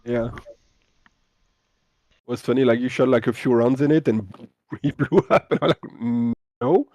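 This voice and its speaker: A man's voice: mid-range voice, normal speed, a little mellow, no room sound. A man playing in a group game, chatting easily and laughing over voice chat. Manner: easygoing, laughs often. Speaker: player. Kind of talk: casual voice-chat talk.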